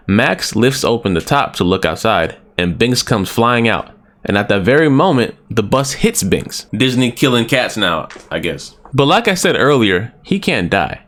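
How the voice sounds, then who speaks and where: A man's voice: medium pitch, fairly bright tone. A man giving a casual, joking movie review, exclaiming and ranting as he goes.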